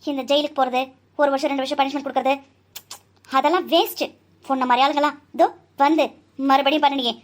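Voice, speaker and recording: A fierce young woman doctor in a cartoon, voiced by a woman, with a high, bright voice. She scolds and declaims with fiery intensity. Her lines carry strong moral anger. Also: fairly even intonation, quick pace, close to an everyday voice. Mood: triumphant. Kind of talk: cartoon voice acting.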